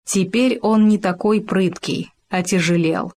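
A woman narrating a children's animal tale in a lively, expressive way. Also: medium pitch, measured pace. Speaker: storyteller. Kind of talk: storybook narration.

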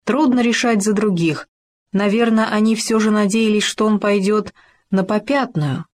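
A woman narrating a children's story in a lively, expressive reading. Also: mid-range voice, moderate pace.

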